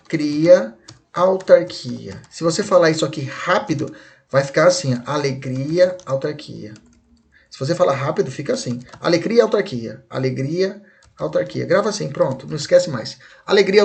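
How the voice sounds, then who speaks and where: A man with a Brazilian Portuguese accent teaching law in a recorded online lecture, chatty and keeps checking in with his students. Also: a little high. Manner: uses playful memory tricks.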